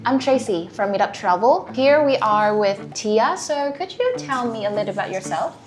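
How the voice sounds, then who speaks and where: A woman's voice: a little high, expressive, moderate pace. Upbeat woman host. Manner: eager, non-native phrasing, upbeat presenter. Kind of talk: travel show hosting. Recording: music bed behind. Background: background music.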